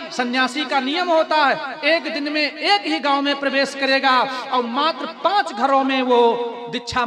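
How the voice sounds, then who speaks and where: A man preaching a devotional katha sermon in with a tinge, telling a story in an animated way and often turning to his listeners. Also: very high voice. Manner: animated storytelling, addressing the audience. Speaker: religious storyteller. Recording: music behind the voice.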